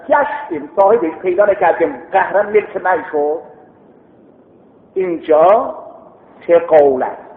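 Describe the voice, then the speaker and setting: High-voiced man lecturing in an echoey hall. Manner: explanatory, quizzes students, recites Arabic text. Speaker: seminary teacher. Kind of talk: classroom lecture. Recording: echoey hall, tinny lo-fi sound.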